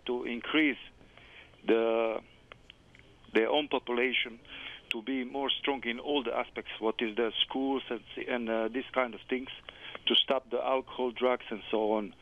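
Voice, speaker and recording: A man from Bosnia calling in, speaking haltingly and searching for his words. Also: mid-range voice, steady tone. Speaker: caller. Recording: dull phone-in line.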